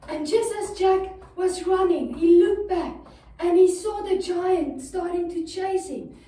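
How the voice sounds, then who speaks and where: At a measured pace, a woman with a very high-pitched, warm voice tells young listeners a story and guides them through yoga movements using simple, supportive steps. The mic is distant and the room is very echoey.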